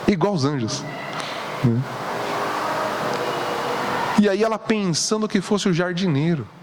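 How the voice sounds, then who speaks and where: A man's voice: sits high, lively intonation, a little slow, in a large hall, very noisy. A man with a Brazilian Portuguese accent preaching a conversational sermon, asking rhetorical questions and acting out the people in the text. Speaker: pastor. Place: church hall.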